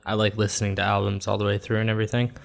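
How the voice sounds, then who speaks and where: A man's voice: on the low side, monotone, very fast, gravelly. A young man in his late teens from Florida, co-hosting a casual music podcast, rambling and laughing between thoughts. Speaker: podcast co-host. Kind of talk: casual chat.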